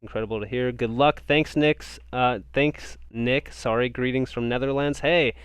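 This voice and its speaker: A young man from the United States hosts a crypto livestream, reading viewer comments and answering casually and ramblingly, often repeating words. His mid-range voice is steady, smooth, and moderately paced, with clean studio sound and no echo.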